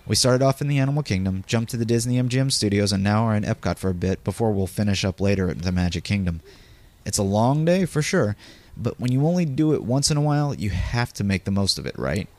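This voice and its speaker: A man's voice: lowish voice, lively intonation, fast, a little mellow. A man hosting a podcast, narrating personal memories in a conversational way and speaking directly to his listeners. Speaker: podcast host.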